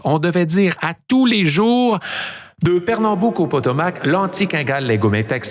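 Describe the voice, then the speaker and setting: A Québécois man hosts a lighthearted quiz and tongue-twister game, quipping between questions. His pitch swings up and down with theatrical flair, and the recording is dry and close with no room sound. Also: no room sound. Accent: Québécois French. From Quebec. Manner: animated, joking, theatrical asides. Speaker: host. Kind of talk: playful scripted quiz hosting for drivers.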